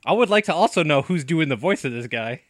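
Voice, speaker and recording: A man's voice: a little high, expressive, fast, no echo, studio quality. A man chatting casually and wryly over a film as a co-host, joking and swearing. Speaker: co-host of a film riffing commentary.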